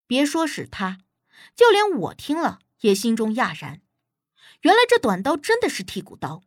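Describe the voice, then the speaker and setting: A woman reads an audiobook aloud in a steady, expressive storytelling style, her voice pitched fairly high. The recording is dry and close, made on a studio mic with no echo.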